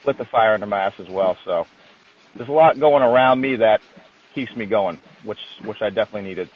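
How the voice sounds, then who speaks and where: A man's voice: fairly low pitch, fairly quick, a little hiss or hum. A man speaks as a guest in a casual interview, heard over a thin, phone-like connection. His way of talking is candid and colloquial, with the odd swear word. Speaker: interview guest, dog trainer.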